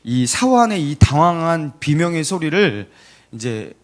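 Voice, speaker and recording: A man's voice: fairly high pitch, sing-song, unhurried. A male pastor preaching a sermon in a church, telling the story dramatically and asking the congregation questions.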